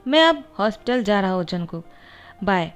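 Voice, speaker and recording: A woman's voice: mid-range voice, very animated, normal speed, faint music behind, lightly acted. A woman voicing a weary, curt young male doctor in a storybook-style reading.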